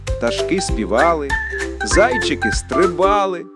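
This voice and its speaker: Man, storybook narrator, lively animated pitch, fairly high voice, music underneath. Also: slow pace.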